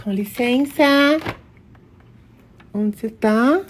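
A young Brazilian man, chatting on casual phone stories and coaxing a pet in a sweet, expressive voice, indoors at home. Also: very high-pitched, takes it slowly, slight background noise. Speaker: influencer. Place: indoors at home, apartment rooms. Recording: echoey room.

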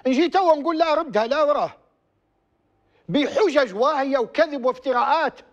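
A man's voice: very high-pitched, a little fast, dull audio. A man with a Libyan accent hosting a TV program, giving heated political commentary full of rhetorical questions. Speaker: TV program host.

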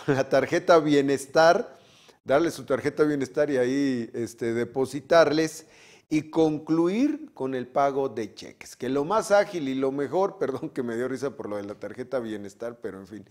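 A man's voice: mid-range voice, a little mellow. A man with a Mexican accent giving opinionated, sarcastic news commentary in a scornful tone.

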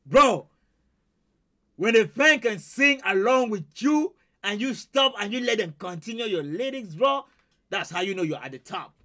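A man's voice: high voice, animated, normal speed, bright, forceful tone. A man in his thirties hosting a reaction video, laughing and talking straight to his viewers from a small home studio on a headset mic. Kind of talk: excited reaction commentary. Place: small home studio with purple lights, indoors.

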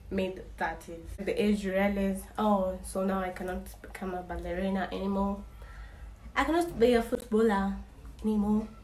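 In a small indoor room, a vlogger in her twenties talks to the camera with a darkish, mid-range voice. Wry and open, she meanders and keeps restarting her thoughts, and the recording is echoey with faint ambient hiss.

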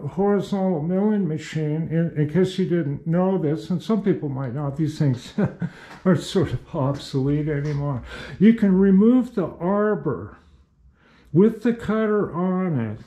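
A man's voice: a little high, dark tone. An older man giving a casual, folksy demonstration in his small home machine shop, rambling with fillers and restarts as he works.

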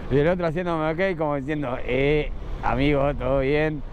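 A man's voice: a little high, fairly even intonation, moderate pace. A young man with a Buenos Aires accent, riding a motorcycle through city traffic and joking and swearing as he talks to the camera. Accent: Buenos Aires Spanish. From Argentina. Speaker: motovlogger. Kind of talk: casual riding commentary. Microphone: helmet-mounted action camera.

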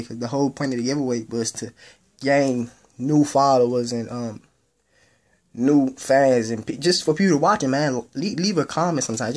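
A young man hosting his own gaming channel, giving a rambling casual update in loose slangy speech that repeats itself. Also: medium pitch. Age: young adult.

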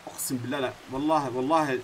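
A man with a Levantine Arabic accent giving let's-play commentary as a gaming YouTuber, talking to himself and the game and swinging between low muttering and sudden yells. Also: steady tone, rapid-fire, a little hiss or hum, rough recording.

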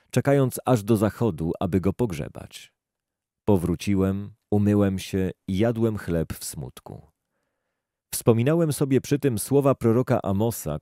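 A man with a low, warm voice reads scripture aloud. His delivery is slow, measured and solemn, and the recording sounds close and dry. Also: dry recording. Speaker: scripture reader. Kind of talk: scripted Bible reading.

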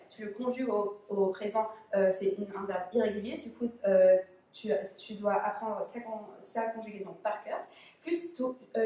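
A woman's voice: mid-range voice, dark tone. A young woman explaining verb conjugations in a casual, patient way, with frequent hesitations and restarts. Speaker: language teacher. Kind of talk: explaining Spanish grammar in French.

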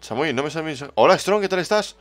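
Faint music plays behind a livestreamer with a Spain Spanish accent who greets chat viewers by name and chats casually over his game. He talks fast, with lively intonation and a voice on the high side.

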